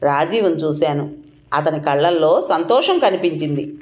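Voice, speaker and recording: Expressive woman telling an audio story. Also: low voice, normal speed. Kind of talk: first-person audio story narration. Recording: roomy echoing recording.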